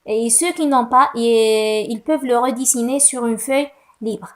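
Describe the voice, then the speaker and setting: A woman teaching a recorded lesson to young pupils, patient and deliberate, fondly calling them her little ones. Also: fairly high pitch. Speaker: primary school French teacher.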